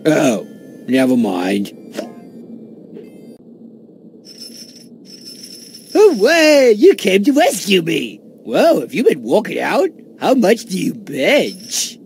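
A man's voice: mid-range voice, very animated, slow pace, gravelly, darkish tone, slight background noise, exaggerated voice. A man voicing a cheerful, clueless cartoon athlete with a goofy, naive, drawling delivery. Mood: chipper, naive. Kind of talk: cartoon voice acting.

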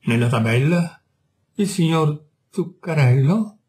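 A man's voice: on the high side, expressive, slow, darkish tone. A man reading aloud, voicing a bewildered middle-aged café owner who stammers and turns defensive.

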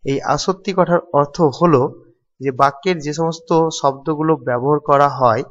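A man's voice: on the high side, normal speed, fairly bright tone, big-room sound, lo-fi sound. A man teaching an exam-prep grammar lesson, explaining step by step and repeating key terms.

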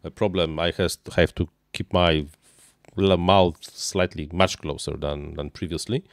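An RC hobby streamer in his thirties chats live while building a model plane at a small indoor home workshop desk, using a boom-arm dynamic mic up close and headphones. His nasal voice sits low with a steady tone, halting and improvised with many uhs, restarts and non-native phrasing, and there's no room sound.

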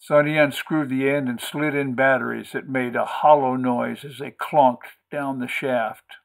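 A man hosting and reading an audiobook chapter in a steady, measured narration. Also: medium pitch, gravelly. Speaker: audiobook host and reader.

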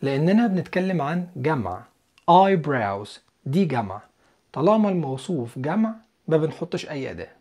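An English teacher with an Egyptian Arabic accent leads a beginners' lesson, talking in an animated, up-and-down voice. The explanations come in Egyptian Arabic, and the English words and sentences are said slowly and clearly. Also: medium pitch.

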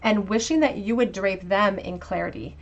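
A woman giving a pick-a-card tarot reading, speaking gently and reflectively straight to the viewer. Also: mid-range voice, normal speed, muffled recording. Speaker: tarot reader.

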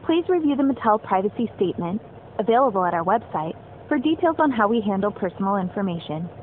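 A woman's recorded phone menu message, a polite, measured scripted announcement for a customer service line. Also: medium pitch, very animated. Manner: polite, measured, evenly paced. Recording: tinny phone line with faint hiss.

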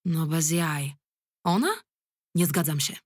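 A woman's voice: deep voice, expressive, takes it slowly, husky, no room sound, heavily acted. A woman doing a nervous cocky young actor. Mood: nervous, indignant. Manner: crude, defensive complaining.

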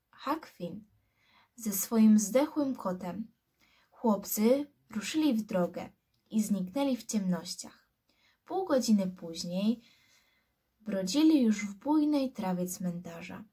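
A woman reading a novel aloud as a scout, in slow, hushed storytelling. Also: medium pitch, breathy edge. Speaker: scout reader.

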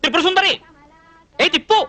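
A fussy, blustering young cook. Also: male voice, very high-pitched, lively intonation, pushed and bright, exaggerated voice. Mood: scolding. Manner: scolding, rambling, quick outbursts. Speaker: dubbed film actor. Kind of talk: dubbed film comedy acting.

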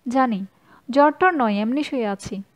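A woman voicing a quiet, tired young university man who answers softly and teases a little. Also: a little high, normal speed, lightly acted.

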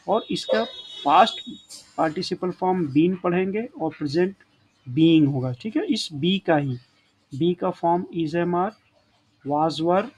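Male teacher, higher voice, checking tags. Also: darkish tone, husky, poor audio. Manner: addresses students as children, frequent checking tags. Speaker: English teacher. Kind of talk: classroom grammar lesson.

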